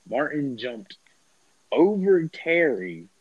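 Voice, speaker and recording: A young man guesting on a podcast, telling stories in casual chat with excited laughter. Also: mid-range voice, very slow, husky, no room sound, highs cut off.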